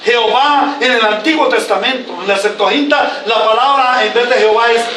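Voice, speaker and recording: A man preaching a sermon as pastor, slow and emphatic, breaking into shouts on key words, recorded in a church from a distance. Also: very high voice, a little hiss or hum. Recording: echoey church hall, mic at a distance.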